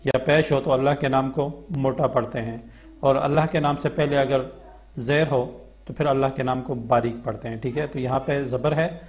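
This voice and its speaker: A Pakistani man teaching Quran reading, spelling words out syllable by syllable in a slow chant and then explaining the rules quickly in Urdu-accented speech. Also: mid-range voice, fairly even intonation.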